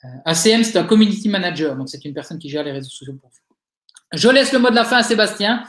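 A man's voice: sits high, animated, fast, a bit bright. A man with a Belgian accent from Liège, answering audience questions in a live webinar in a chatty, encouraging way with frequent hesitations. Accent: Liège Belgian French. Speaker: webinar speaker, digital agency owner. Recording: roomy webinar audio.

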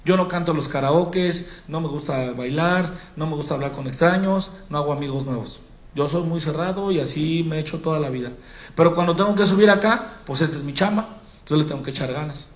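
Mexican male sales trainer, high voice, colloquial and demonstrative, live in an echoey event hall. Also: fairly quick. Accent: Mexican Spanish. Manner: colloquial, addresses audience as compadre, demonstrates by acting out. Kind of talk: live public-speaking training.

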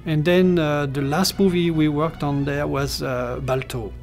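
A man's voice: fairly high pitch, fairly even intonation, unhurried, a little mellow, faint music behind. A middle-aged man from France with a French accent, talking hesitantly in a seated interview, with many fillers and restarts. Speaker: character designer. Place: indoor studio room.

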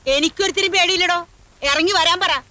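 A high, bright, shrill old grandmother who scolds and orders people about. She has a quick temper and plenty of bluster. The sound is dry and close, as in an old film. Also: dry recording. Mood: indignant. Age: older. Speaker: grandmother of the house. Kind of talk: 1980s film acting.

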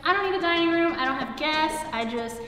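A woman's voice: high-pitched, animated, brisk, heavy background noise. Sing-song young woman in an echoey empty home. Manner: chatty, sing-song, many "like"s. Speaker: vlogger giving a home tour. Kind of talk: casual vlog walkthrough. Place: large empty apartment. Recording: very echoey empty rooms with music. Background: music from house speakers.

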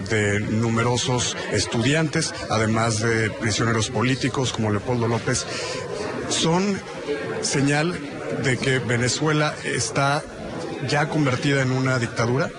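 Young male TV interviewer, formal long questions, crowd noise audible. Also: medium pitch. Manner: long composed questions with a scripted intro. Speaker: TV news interviewer. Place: conference venue, indoors. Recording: crowd murmur behind.

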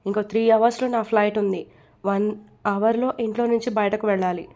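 A woman's voice: medium pitch, fairly even intonation, fairly quick, close to an everyday voice. A woman doing a curt, bossy young man. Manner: curt, commanding, shouts. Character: angry young man, bossy son and father.

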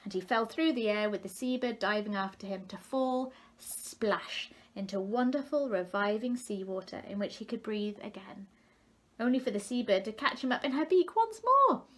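Expressive woman reading a storybook aloud. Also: mid-range voice, normal speed. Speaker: educational consultant reading a picture book.

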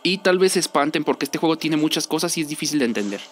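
A man's voice: on the high side, animated, fast, slight background noise. A young man with a Mexican accent giving casual, rambling game commentary in slangy, informal speech, repeating himself for emphasis. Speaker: gaming video creator. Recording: music under the voice.

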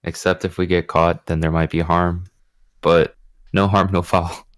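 A man's voice: low voice, level tone, a little slow, no echo, studio quality. A man player chatting casually at a tabletop game, laid-back and joking.

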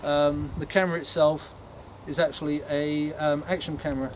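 A man leading a ghost tour, explaining things informally to a group in a halting, matter-of-fact way. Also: fairly high pitch, flat delivery. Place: on a night walking tour, in the dark. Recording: noisy outdoor night recording.

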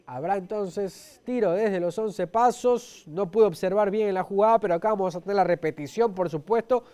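A man's voice: sits high, moderate pace, mellow, smooth. A man with an Ecuadorian accent giving live football commentary as a match commentator.

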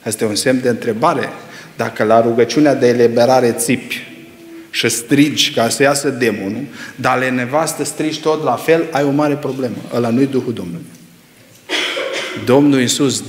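A man preaching a sermon, swinging between loud rising exclamations and hushed low asides, firing rhetorical questions at the congregation. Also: a little hiss or hum. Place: church hall. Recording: echoey reverberant church hall.

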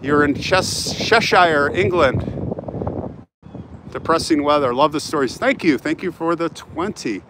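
A slightly high, animated voice at a somewhat slow pace belongs to an older American man vlogging live as he walks through a large open cemetery. He chats casually, hopping between comments, on a handheld phone at arm's length with noisy urban surroundings.

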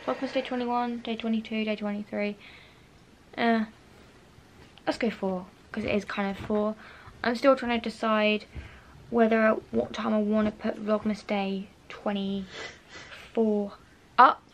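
A woman's voice: medium pitch, little pitch movement, measured pace, pauses often, slight background noise. A young woman in her bedroom talking to a handheld camera in a casual vlog, rambling, repeating herself and sometimes sinking to a whisper. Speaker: vlogger. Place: bedroom at home, indoors. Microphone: handheld camera close to face.

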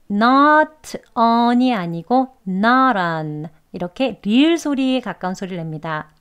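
A woman with a Korean accent teaching English pronunciation, slowly and carefully demonstrating each sound. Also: medium pitch, smooth. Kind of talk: pronunciation lesson.

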